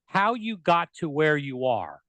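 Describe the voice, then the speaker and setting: A man's voice: fairly high pitch, very animated, unhurried, a bit bright, no room sound, poor audio. A middle-aged man hosting a medical podcast, speaking in a friendly, upbeat conversational way. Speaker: podcast host, surgeon. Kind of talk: podcast interview.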